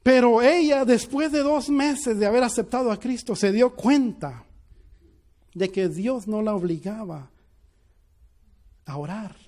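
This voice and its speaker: A high-pitched male pastor delivering a sermon. He moves between quiet, hushed storytelling and loud, emphatic preaching, with plenty of restarts as he goes. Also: unhurried, long pauses.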